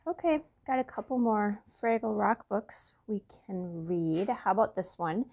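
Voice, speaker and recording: A woman's voice: medium pitch, measured pace, vocal fry. Woman reading a children's story aloud. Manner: chatty, expressive storytelling.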